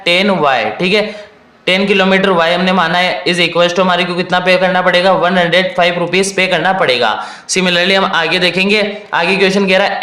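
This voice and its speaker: A young man teaching a maths lesson in a casual mix of Hindi and English, reading each question out slowly and walking students through it step by step. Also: high-pitched, bright, forceful tone, reverberant.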